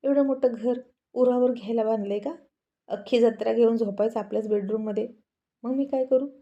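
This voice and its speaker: A woman voicing an upset young wife who complains in exasperation, speaking with a gravelly, dark voice. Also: a little high, fairly even intonation, a little fast, highs cut off, lightly acted. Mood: exasperated.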